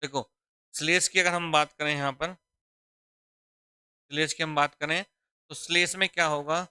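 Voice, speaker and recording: Bright, crisp-voiced Hindi teacher, man. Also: on the high side, steady tone, no echo. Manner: repeats questions to students, calling them "beta" and "bachchon"; drawn-out, deliberate explaining. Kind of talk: exam-prep lesson.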